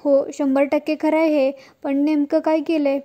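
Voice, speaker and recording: A woman's voice: high-pitched, flat delivery, moderate pace, mellow, lightly acted. A woman reading a curious village man. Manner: questioning, chatty.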